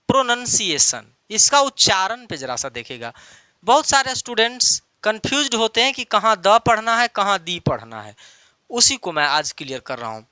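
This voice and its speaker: A man's voice: sits high, pushed and bright, clear, resonant tone, dry recording. A man teaching an online English lesson, explaining patiently and repeating key phrases many times over.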